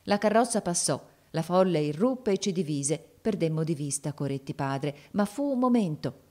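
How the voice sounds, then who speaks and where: Woman audiobook narrator, lowish voice, expressive classic-novel reading. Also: moderate pace. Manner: expressive reading, voicing the characters' shouts.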